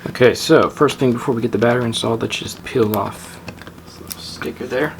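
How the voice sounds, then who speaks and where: A man hosting a gadget review channel does a casual unboxing, talking informally and thinking aloud as he handles things, with a mid-range voice at a slightly fast pace. The recording uses a distant mic and is clearly noisy, with handling crinkle.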